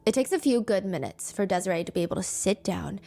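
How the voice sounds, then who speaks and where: A woman's voice: medium pitch, lively intonation, quick pace, gravelly, dark tone, faint music behind. A woman hosting a true crime show, narrating in a conversational way with asides and light humor. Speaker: true crime podcast host. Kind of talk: storytelling narration.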